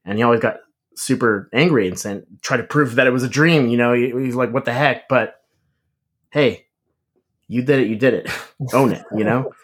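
A man's voice: medium pitch, moderate pace. A man co-hosting a casual podcast, chatting and joking playfully with his friends. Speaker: podcast co-host. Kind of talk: casual chat.

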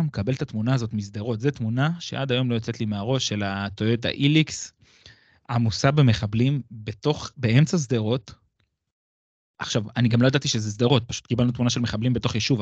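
A man in his thirties co-hosting a podcast, telling a personal story in lively bursts that jump up and down in pitch. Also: dry recording. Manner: animated storyteller with wide pitch swings. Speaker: podcast co-host. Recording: dry, slightly dull sound.

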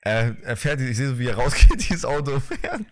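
A man's voice: mid-range voice, sing-song, moderate pace, a little mellow. A young man in a casual podcast chat, telling a story in slang and laughing often. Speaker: podcast co-host.

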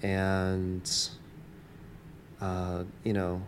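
A Taiwan-born campus minister talks reflectively in an interview, full of fillers and restarts. His low voice is a little mellow and comes out very slowly with a completely flat delivery, and there is a slight hiss or hum on the recording.

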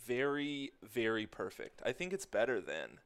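A young man in his twenties hosts a casual livestream chat. He is easygoing and relaxed, and his pitch sits in a middle range. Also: normal speed, smooth. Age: 20s. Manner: easygoing, reads viewer comments aloud. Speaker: host reading chat.

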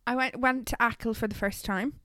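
A young Irish woman in her twenties co-hosting a casual podcast, chatty and quick to laugh. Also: fairly high pitch, fairly even intonation, bright, forceful tone, no room sound. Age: 20s. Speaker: podcast co-host. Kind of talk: casual chat.

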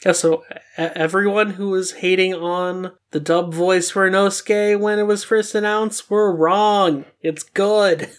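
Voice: mid-range voice, steady tone, a little slow. A young adult podcast host leading a casual discussion about animation with friends.

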